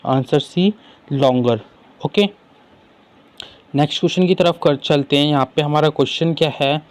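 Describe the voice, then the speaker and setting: A man tutoring for an exam, who asks questions and answers them himself and reads English sentences slowly. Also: a little high, a little mellow. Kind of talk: explaining exam questions in Hindi with English terms.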